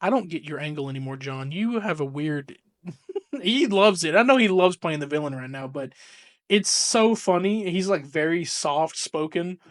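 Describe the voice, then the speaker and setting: A young man co-hosting a casual podcast, rambling excitably and swearing freely as he talks. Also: fairly high pitch, normal speed, no room sound, clean studio sound. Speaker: podcast co-host. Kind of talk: casual chat.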